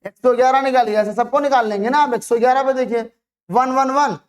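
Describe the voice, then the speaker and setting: A teacher giving an online chemistry lesson to students, asking questions and answering them, repeating each term slowly. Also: high voice.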